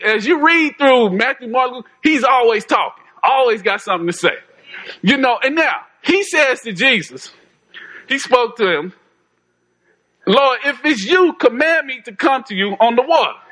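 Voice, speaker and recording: A man's voice: high voice, sharp tone, poor audio. A man preaching an informal sermon in a folksy, conversational way, often repeating phrases and chuckling.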